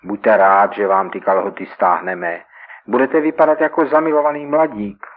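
A man's voice: mid-range voice, fairly even intonation, lightly acted. A man voicing a brash young male street robber in a radio reading, taunting and mocking. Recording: tinny old radio recording.

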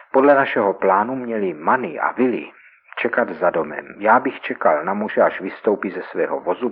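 A man narrating a story in a measured, scripted radio reading. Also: on the low side, creaky, husky. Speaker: reader. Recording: tinny old radio recording.

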